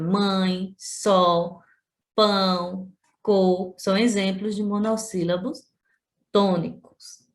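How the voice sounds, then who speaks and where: A woman's voice: mid-range voice, a bit bright. A woman teacher from Sergipe with a Brazilian accent, giving a remote lesson to children, repeating points and drawing out syllables. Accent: Brazilian Portuguese, Sergipe. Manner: slow, drawn-out syllables when pronouncing example words; addresses pupils directly, repeats points. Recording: echoey room.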